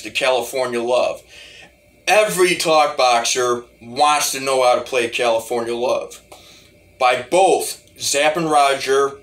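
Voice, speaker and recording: In a fairly bright, mid-range voice, a man rambles through a casual demo. He plays talk box as a hobby and often restarts, repeating the openings of his phrases.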